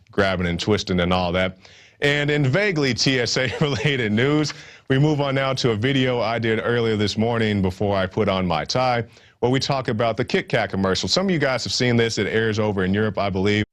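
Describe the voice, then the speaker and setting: A man's voice: on the low side, a little fast. A man hosting a nightly news show, talking loosely with joking asides and restarts. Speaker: news host. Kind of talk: casual news commentary.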